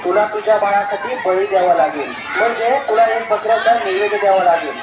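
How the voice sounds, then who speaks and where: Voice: mid-range voice, fast talker, lightly acted. A child on a school stage playing a greedy village exorcist who declaims his orders. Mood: commanding. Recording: echoey hall, far, dull, noisy crowd.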